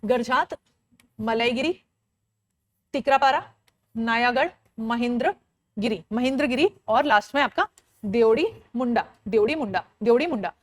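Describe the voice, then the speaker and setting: A woman's voice: fairly high pitch, measured pace, pauses often, no room sound. A woman teacher running an online exam-prep lecture, quizzing her listeners, answering her own questions and drilling lists in a sing-song chant, with English phrases mixed in.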